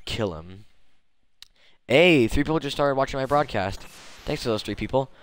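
A man playing a video game and talking over it on a home stream, excitable and quick to swear and yelp. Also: mid-range voice. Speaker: gameplay streamer. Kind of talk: casual let's-play commentary. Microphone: desk microphone.

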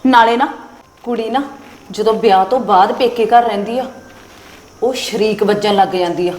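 A woman acting as a spiteful young wife, sharp, nagging and combative toward her husband in a short film drama. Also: medium pitch, normal speed, natural voice. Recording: echoey room.

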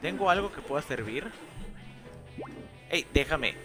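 A young male streamer with a Mexican Spanish accent speaks in a fairly high, animated, somewhat slow voice, chatting casually about a game and reading viewers' chat. He's talkative, swears when frustrated, and reads game lines aloud over a headset mic while game music plays behind him.

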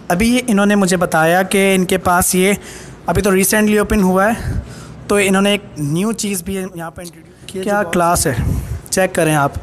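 A young man from Pakistan giving an excited walking tour of a large gym as a fitness vlogger, filming on a handheld phone. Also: high-pitched, a little hiss or hum. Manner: excited, enthusiastic, mixing in English phrases. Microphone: handheld phone camera. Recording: long hall reverb, faint ambience.

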